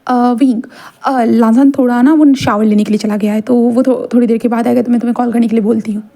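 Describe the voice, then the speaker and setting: A woman's voice: on the high side, fairly even intonation, fast talker, vocal fry, warm tone. Woman doing a breezy young girlfriend on the phone.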